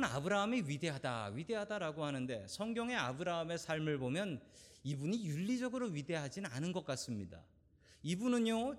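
A man in his forties, a pastor delivering a sermon, questioning the congregation directly and building emphasis. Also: fairly high pitch.

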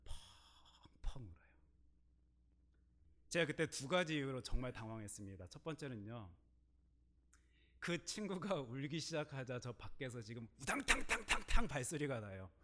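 Bright-voiced male pastor preaching. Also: medium pitch, big pitch swings, normal speed, a little hiss or hum. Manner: storytelling with sudden loud emphasis and quiet asides. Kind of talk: sermon.

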